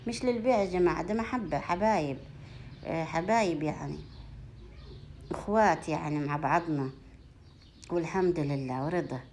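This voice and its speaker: Her voice is low-pitched and darkish, at normal speed with long pauses, over slight background noise. A Sa'idi-accented home vlogger from Upper Egypt, she displays food gifts in casual chat with her audience, repeating herself and offering generous blessings and terms of endearment.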